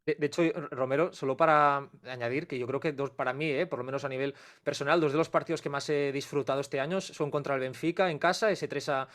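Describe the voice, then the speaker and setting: A man with a Spanish accent, a football pundit giving quick, analytical commentary on a sports talk show. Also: a little high, steady tone, fairly bright tone. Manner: fast, analytical, dense run-on sentences.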